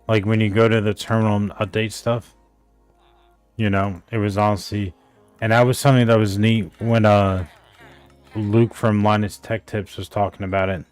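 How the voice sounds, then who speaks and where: A man with a fairly low voice chats in a loose, rambling way as he plays a game and leans on "like" and "I think" all the time. He sounds unsure and hedges as he goes. Soft game music plays quietly behind him. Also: steady tone, moderate pace, pauses often. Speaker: gaming streamer. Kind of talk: casual chat while gaming.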